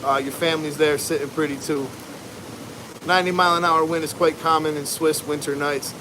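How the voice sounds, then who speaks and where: American guy rambling on a livestream outside, slightly high voice, lots of wind noise behind him, real laid-back and slangy. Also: fairly even intonation. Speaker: livestream host, barber. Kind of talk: casual livestream chat. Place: outdoors at home during a windy storm. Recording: noisy outdoors, loud wind and ambience. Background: wind and rushing water ambience.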